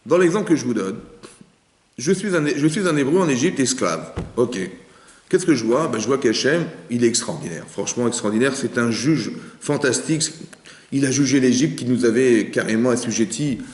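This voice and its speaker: A man, a rabbi, giving a religious lesson to a live group, talking in a lively way and asking the room many rhetorical questions. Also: mid-range voice, moderate pace. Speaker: rabbi teaching a class. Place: synagogue hall. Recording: echoey hall with long reverb.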